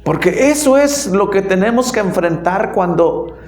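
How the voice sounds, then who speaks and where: A man, a lay pastor, preaching a sermon in a church, telling stories with emphatic swings between loud and soft. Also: high voice, lively intonation, measured pace, roomy sound.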